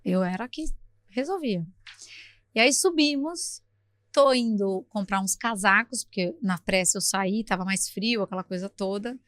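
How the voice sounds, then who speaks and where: A middle-aged woman from Brazil, a podcast guest who tells her story in a lively, talkative way, acting out sounds as she goes. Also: mid-range voice, moderate pace, no room sound, clean studio sound.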